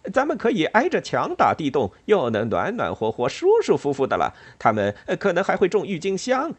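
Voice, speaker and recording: A breathless little field mouse, put on by a man, who squeaks and rushes out his words. His voice swings high and lively, and it sounds husky. An audiobook storybook character. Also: full character voice. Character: excitable young male field mouse, breathless.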